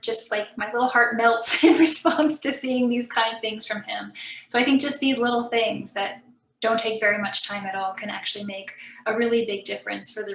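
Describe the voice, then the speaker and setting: A woman's voice: medium pitch, gravelly, fairly bright tone, roomy sound, poor audio. A woman researcher in her forties on a panel, talking casually with "like" and "I mean.". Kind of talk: panel discussion.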